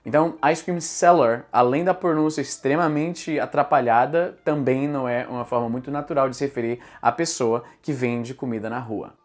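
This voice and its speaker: A man's voice: medium pitch, fairly quick, few pauses. A man with a Brazilian Portuguese accent giving a patient explanation of English usage, working through examples as a YouTube teacher. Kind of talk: explanatory commentary.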